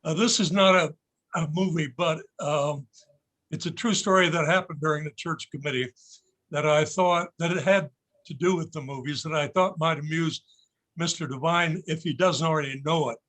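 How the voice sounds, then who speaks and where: An older man telling an anecdote to a luncheon group in an unhurried, measured way with pauses. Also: on the high side, a bit bright, low-quality recording. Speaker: audience member telling a story. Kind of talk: anecdotal storytelling.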